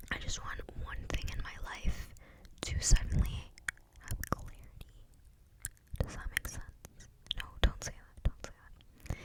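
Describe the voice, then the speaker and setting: A young woman gives a rambling, unscripted ASMR talk in a breathy, clicky whisper, very close to the mic as if right in your ear. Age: young adult. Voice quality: breathy, unvoiced whisper with clicky mouth sounds. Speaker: ASMR video creator. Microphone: close microphone without cover.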